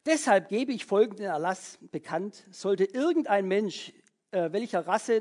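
A preacher reading out the words of an astonished, proud ancient king in a slow, raised voice. The voice is husky. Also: medium pitch, darkish tone.

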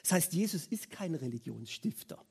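Male preacher, informal and animated, slightly husky. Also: on the high side, moderate pace. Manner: animated, informal, with many filler words. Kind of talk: conversational sermon.

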